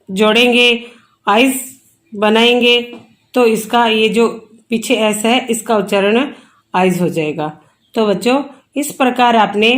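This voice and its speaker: A woman teacher explains English plurals patiently, spelling out each word letter by letter. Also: on the high side. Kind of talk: online English grammar lesson.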